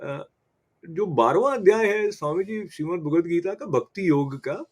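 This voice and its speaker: Man, indian accent, tv host, slightly high voice, respectful, formal, hesitant fillers. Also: animated, normal speed, darkish tone. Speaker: TV interview host. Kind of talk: interview questions.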